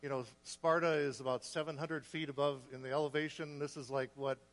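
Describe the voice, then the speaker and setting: Breathless preacher in a reverberant hall. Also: male voice, fairly high pitch, little pitch movement, fairly quick. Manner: earnest, with frequent restarts and throat clearing. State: short of breath. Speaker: guest preacher. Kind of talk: sermon.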